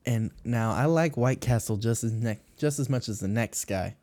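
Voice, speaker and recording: A man's voice: medium pitch, moderate pace, a little mellow. A man, co-hosting a casual chat and rambling through stories with fillers and laughs.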